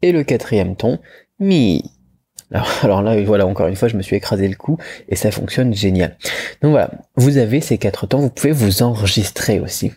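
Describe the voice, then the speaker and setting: A man's voice: lowish voice, brisk, dark tone, breathy edge. A man teaching pronunciation in a chatty video lesson, with lots of fillers and restarts, demonstrating tones by moving his head. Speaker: Chinese language teacher.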